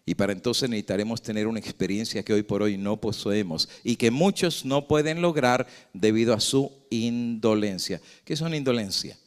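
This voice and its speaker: A male pastor preaching with sweeping swings in force, from loud emphatic declarations to low, hushed intensity. He keeps asking rhetorical questions of his listeners and slips English words into his sermon. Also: moderate pace, few pauses. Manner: mixes English words into Spanish.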